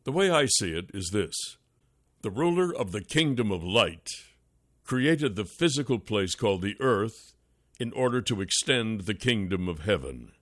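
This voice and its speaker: Low-voiced man reading an audiobook. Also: very animated, normal speed, a bit bright, no echo, studio quality. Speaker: audiobook narrator. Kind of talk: scripted audiobook narration.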